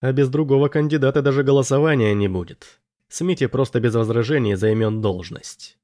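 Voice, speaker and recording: A man narrating an audiobook in an even, measured way. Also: medium pitch, dry recording, studio quality.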